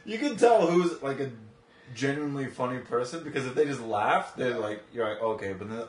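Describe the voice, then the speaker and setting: A man's voice: mid-range voice, lively intonation, a little fast, reverberant. A man hosting a casual podcast conversation in a home office, swearing casually and laughing often. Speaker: podcast host.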